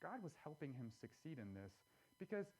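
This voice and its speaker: A man preaching a sermon in a church, conversational and earnest, with animated asides. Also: fairly high pitch, brisk. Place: church sanctuary.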